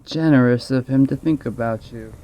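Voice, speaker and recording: A man's voice: medium pitch, moderate pace, warm tone, dull audio, lightly acted. A man voicing a sly, fawning hunchbacked peasant in a fantasy audiobook. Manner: fawning, wheedling.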